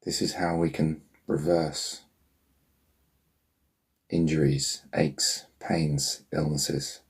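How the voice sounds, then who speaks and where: A man leading a guided healing meditation in a soothing, unhurried murmur, leaving long pauses between phrases, with a gravelly, husky voice. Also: very deep voice, level tone.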